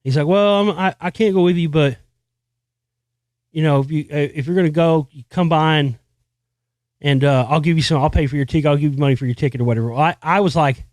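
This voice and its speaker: A man's voice: fairly high pitch, fairly even intonation, fast, long pauses, darkish tone, dry recording. Profane rambling man podcasting. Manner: rambling, profane, full of fillers and restarts. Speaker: podcast host. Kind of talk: casual storytelling monologue.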